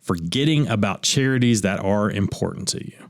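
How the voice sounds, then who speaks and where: A man's voice: lowish voice, animated, normal speed, no echo, clean studio sound. A man, an attorney co-hosting a radio show, talking casually about wills with easygoing restarts. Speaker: attorney co-host. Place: radio studio.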